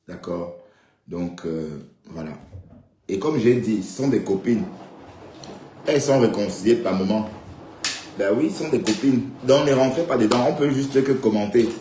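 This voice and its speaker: A man's voice: on the low side, darkish tone, roomy sound. A man giving casual, rambling live-stream commentary, often checking in with viewers with little asides. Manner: rambling, addresses viewers directly with frequent "hein" and "d'accord".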